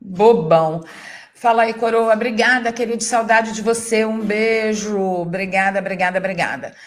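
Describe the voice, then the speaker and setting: A woman's voice: medium pitch, moderate pace. A Brazilian woman hosting a live chat, chatty and teasing as she reads viewer comments aloud. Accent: Brazilian Portuguese. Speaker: live stream host.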